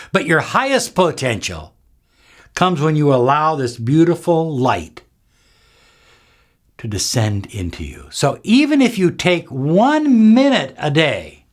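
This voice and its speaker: Slow, very expressive motivational man. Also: a little high. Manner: emphatic, repeats phrases for effect. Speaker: spiritual self-help coach. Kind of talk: motivational manifestation talk to viewers.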